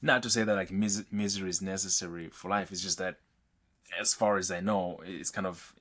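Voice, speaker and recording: A man who grew up in Mozambique and is not a native English speaker, hosting a podcast interview in a casual, halting way with many restarts. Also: deep voice, steady tone, a bit bright. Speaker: podcast host.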